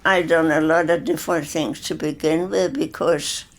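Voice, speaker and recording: A woman's voice: sits low, fairly even intonation, normal speed. A hundred-year-old woman from Denmark, plainly recalling her life in a documentary interview. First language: Danish. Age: 100s. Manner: plainspoken, matter-of-fact reminiscing.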